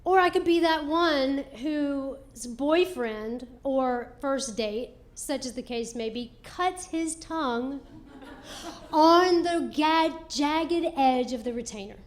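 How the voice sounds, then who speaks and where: A woman doing stand-up comedy, telling a self-mocking story in an animated way on a comedy club stage. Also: sits high, slow pace. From American South.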